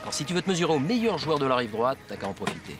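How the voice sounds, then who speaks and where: A man's voice: mid-range voice, very animated, very fast, noisy background, close to an everyday voice. An actor playing an easygoing middle-aged policeman and father in a TV drama, colloquial and coaxing. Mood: wry, casual. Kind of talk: French TV film drama acting.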